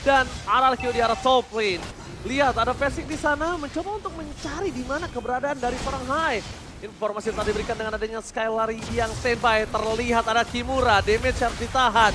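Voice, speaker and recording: An Indonesian man doing excited, dramatic esports play-by-play like a fighting game announcer, breaking into shouts. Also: extremely high pitch, a little fast. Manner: hype, dramatic calls with shouting. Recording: crowd noise behind the voice.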